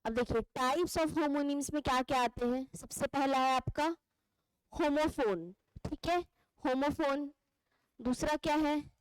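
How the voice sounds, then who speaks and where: A woman's voice: high-pitched, slow, no room sound, rough recording. A woman teaching an English lesson, asking questions and answering them herself. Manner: asks questions and answers them herself, ends points with "theek hai". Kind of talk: classroom lesson explaining grammar.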